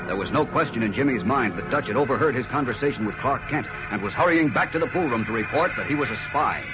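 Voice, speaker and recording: A man's voice: medium pitch, expressive, fast. An American man announcing and narrating a radio serial in an urgent, theatrical 1940s old-time radio style, building suspense. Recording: muffled old radio broadcast, loud music behind. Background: loud music.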